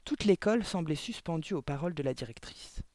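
A man reads a children's novel aloud with a lively, expressive delivery, pausing to explain odd words. His voice sits fairly high for a man, and the recording is dry and close. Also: no room sound. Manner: lively, expressive narration with asides. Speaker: audiobook reader. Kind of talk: storybook reading aloud.

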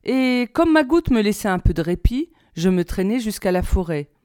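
A woman reading a short story aloud in a measured, expressive way. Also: mid-range voice, smooth, dry recording, studio quality. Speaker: reader.

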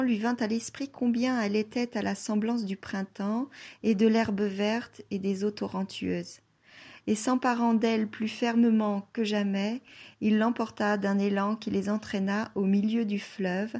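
Slow, measured woman reading a novel. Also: mid-range voice, steady tone, darkish tone. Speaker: audiobook reader. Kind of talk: scripted literary narration.

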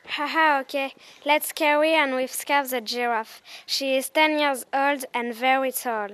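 A woman's voice: sits high, steady tone, a little slow, fairly bright tone, no room sound. A schoolgirl playing a cheerful zoo guide who gives a class the rules in a school play. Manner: upbeat, giving instructions.

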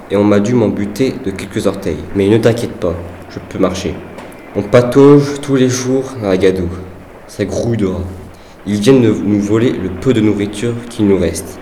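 A man giving an earnest, measured dramatized reading of a wartime letter. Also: fairly low pitch, warm tone, slight background noise. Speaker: reader of a soldier's letter. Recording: echoey room with faint background ambience.

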